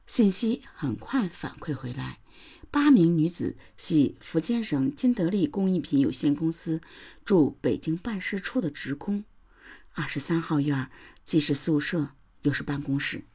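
A woman's voice: sits low, expressive, a little slow, warm tone, slightly rough. A woman hosting a podcast, giving grave, dramatic scripted true-crime narration that sometimes drops to a whisper. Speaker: podcast host.

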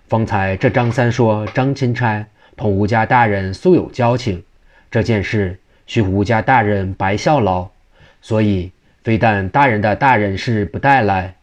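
A man's voice: lowish voice, unhurried, lo-fi sound, close to an everyday voice. A man voicing a male go-between who talks persuasively.

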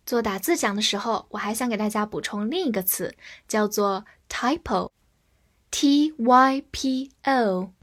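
A woman teaching English vocabulary who spells each word letter by letter and reads the example sentences slowly. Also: fairly high pitch, expressive, fairly bright tone. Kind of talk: vocabulary lesson.

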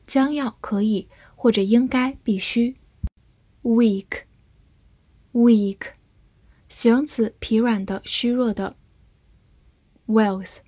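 A woman's voice: on the high side, darkish tone, no echo. A woman teacher reading a scripted vocabulary review, saying each English word twice and then its part of speech and meanings.

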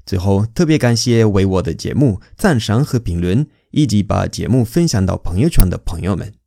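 A man teaching a language lesson, repeating example phrases slowly and clearly for learners and leaning hard on key words. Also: fairly low pitch, expressive, mellow. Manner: exaggerated emphasis on example words. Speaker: Spanish teacher.

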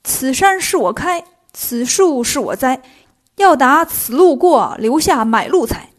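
Storybook bandits, male, loud and blustery, voiced by a woman storyteller. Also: sits high, animated. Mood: menacing. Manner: loud, chanting threats, slow. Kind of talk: storytelling for children.

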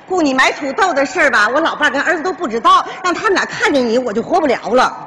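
A flustered, scheming mother. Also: sits high. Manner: quick-witted, flustered, full of exclamations. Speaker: mother in a stage sketch. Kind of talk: stage comedy sketch. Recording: stage recording with steady noise.

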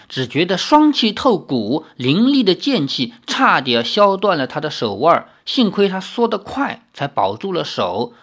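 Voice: mid-range voice, a bit bright, slightly rough. A storyteller reading a novel aloud in a chatty retelling style, dropping filler particles between phrases. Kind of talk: audiobook narration.

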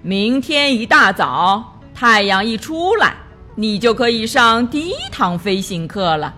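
A woman voicing a polite but scheming male stork doctor in a children's storybook, drawing out his words smoothly. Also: fairly high pitch, expressive, sharp tone, soft background music. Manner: drawn-out, smooth-talking.

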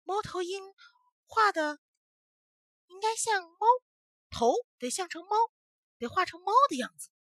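Woman playing a chubby show-off boy, loud bragging, bright voice, lively pitch, storybook. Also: unhurried, long pauses, no room sound, studio quality, exaggerated voice. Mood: bossy.

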